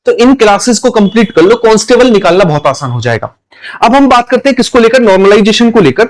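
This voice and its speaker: High-voiced emphatic coaching teacher. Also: male voice, very animated, quick pace. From India. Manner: emphatic, repeats key points, asks and answers his own questions. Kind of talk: online exam-prep lecture.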